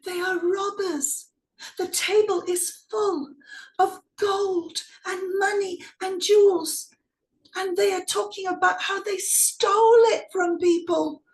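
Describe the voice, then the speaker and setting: A woman's voice: extremely high pitch, fairly even intonation, slow, pitched above the performer's own voice, heavily acted. A woman voicing young Jack, a dreamy but clever lad from a children's storybook, in an eager, breathless way. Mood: excited. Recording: roomy, from a distance.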